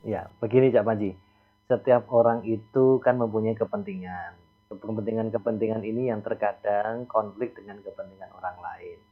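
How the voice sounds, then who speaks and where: A man, a psychologist guest calmly explaining ideas on a call-in radio show, repeating his key points. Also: on the low side, normal speed, slightly rough, soft background music. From East Java. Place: outdoors near a beach. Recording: tinny phone line.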